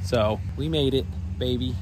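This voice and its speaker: In a low-quality recording, a young man's mid-range, slightly mellow voice unhurriedly narrates his road trip from his van and outside on mountain roads, phone held at arm's length. Relaxed and upbeat, he keeps calling things "freaking sick" in this casual travel vlog, with outdoor noise on the phone mic.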